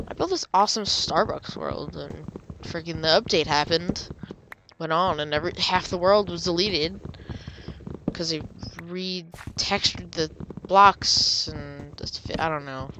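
A young woman with a cold chats casually while playing a computer game, her voice stuffy and nasal, rambling along and trailing off into murmurs. She speaks a little slowly at a fairly low pitch, and there's background noise.

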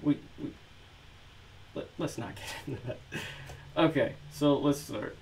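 A man's voice: mid-range voice, measured pace, vocal fry, slight background noise, poor audio. Laid-back man reading his own fiction. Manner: relaxed, filler-heavy chat. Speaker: author reading his novel. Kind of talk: casual chat, then reading prose aloud.

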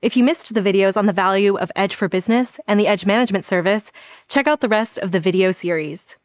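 A woman in her thirties presenting a scripted software tutorial with a polished, even delivery, standing on an indoor studio set. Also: mid-range voice, dry recording. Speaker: product presenter.

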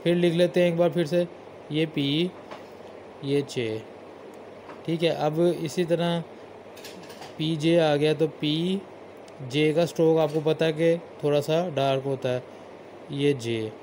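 A man teaching shorthand in a slow, unhurried way, naming each stroke and repeating it as he writes. His voice sits a little high for a man. Faint background noise and the odd passing vehicle can be heard. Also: fairly even intonation, darkish tone. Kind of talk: step-by-step lesson while writing.

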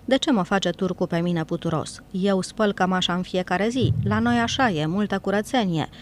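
A woman's voice: medium pitch, darkish tone, a little hiss or hum, natural voice. A woman voicing an angry young foreign boatman who speaks in broken grammar. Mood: furious. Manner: broken grammar, hot-tempered.

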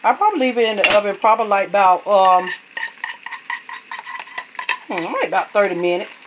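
A home cook vlogger with a mid-range, expressive voice at normal speed chats casually through her kitchen cooking video, homey in tone and frequently saying "y'all" to viewers. It's recorded on a phone camera held over the pot, so the audio is noisy and full of clinking pots and utensils.

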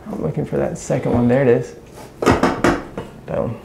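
A man in his thirties, an electrician, explains each step while he installs a ceiling light, in a relaxed, practical way. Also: medium pitch, normal speed, gravelly, a little hiss or hum. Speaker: electrician instructor. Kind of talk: hands-on how-to narration. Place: small room in a house, indoors.

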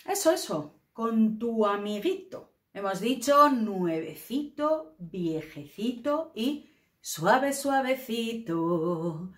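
A woman from Spain with a Spain accent, teaching a Spanish grammar lesson in a clear, careful way. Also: lowish voice, roomy sound.

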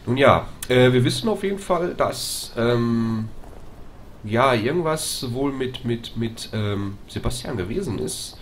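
Let's play host, male, jumpy and loud, swears and stammers, noisy background. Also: medium pitch, measured pace. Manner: excitable, shouting, swearing, stammers when tense.

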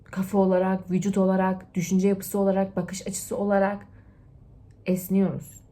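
A young woman chatting straight to her followers, giving life advice. She talks in an animated, lecturing way, jumping from loud bursts to hushed asides. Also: mid-range voice, normal speed. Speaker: TikTok vlogger. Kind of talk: casual motivational chat to camera.

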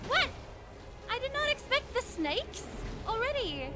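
A young woman streaming a video game, excitable, swearing and laughing as she plays. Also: extremely high pitch, measured pace, faint music behind. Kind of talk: live gameplay commentary.

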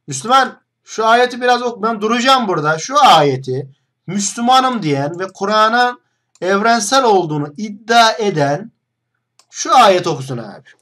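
A man's voice: high-pitched, expressive, moderate pace, pushed and bright. A young man hosting an online video, talking straight to the camera in a mocking, combative monologue full of rhetorical questions.

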